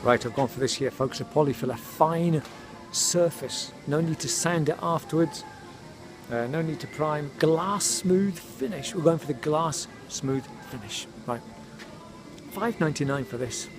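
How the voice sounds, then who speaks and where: A man's voice: on the high side, measured pace, music in the background. A middle-aged man, born in Scotland and raised in England, chatting casually to camera in a daily vlog, self-mocking and calling his viewers folks. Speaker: vlogger.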